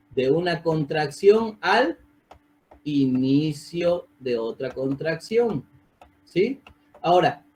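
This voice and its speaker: A man's voice: a little high, a little mellow. A man giving an online medical lecture over a video call, often checking in with the class and quizzing students. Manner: asks the class questions, checks with "¿sí?". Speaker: physiopathology lecturer. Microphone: computer mic on a video call.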